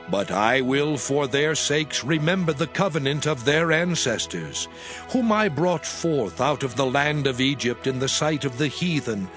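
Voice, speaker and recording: A man playing God as a solemn, stern deity, declaiming in measured archaic English in a dramatized scripture reading. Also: medium pitch.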